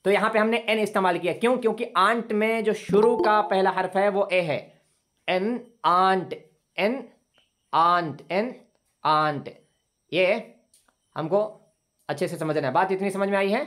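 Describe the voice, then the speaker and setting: A male English teacher giving an online lesson over a video call, patiently explaining grammar rules and repeating words slowly for his students. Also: sits high, steady tone. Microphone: computer mic on a video call.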